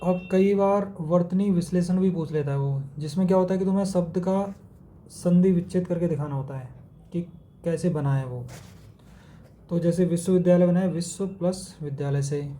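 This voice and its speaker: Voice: mid-range voice, normal speed, mellow, slight background noise. A teacher giving an exam-prep spelling lesson, methodically contrasting wrong and right word forms and mixing in English words. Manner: mixes English words into Hindi explanation.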